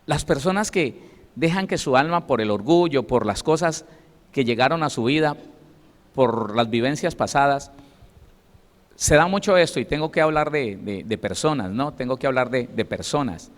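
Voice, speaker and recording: Speaking at a moderate pace, this Colombian man has an animated, mid-range voice and a Colombian Spanish accent. He's a pastor giving a sermon in a church hall, with emphatic delivery and quotes he acts out. The sound carries a long hall reverb.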